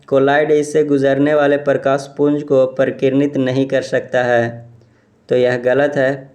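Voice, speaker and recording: A man reading exam questions aloud and explaining each answer in a steady, repetitive way. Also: medium pitch. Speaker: exam quiz presenter.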